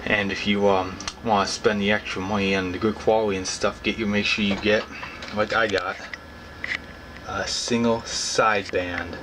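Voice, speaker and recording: This young adult hobbyist vlogger speaks at normal speed in a lowish, flat voice. He explains his hobby to camera casually, rambling and folksy, against clearly noisy ambient sound.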